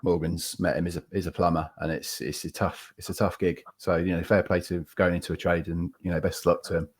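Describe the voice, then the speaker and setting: Norfolk-accented male host, low-pitched, casual joking chat. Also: level tone, fast, slightly rough.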